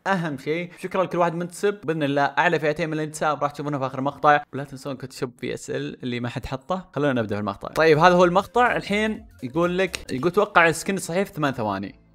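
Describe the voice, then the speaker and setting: A man hosting a gaming channel, talking in casual commentary that swings from mumbled guesses to loud outbursts. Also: on the high side, rapid-fire, few pauses.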